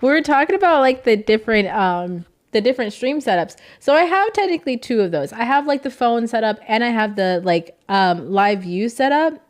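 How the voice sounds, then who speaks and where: A woman's voice: on the high side, very animated, a little fast, hardly any pauses. A young woman streamer talking casually and emotionally to her chat, rambling and thanking viewers.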